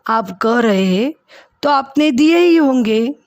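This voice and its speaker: A woman's voice: a little high, animated, slow, darkish tone, dry recording, clean studio sound. A woman voicing a timid, frightened young maidservant who answers meekly and apologetically. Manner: meek, trembling, apologetic.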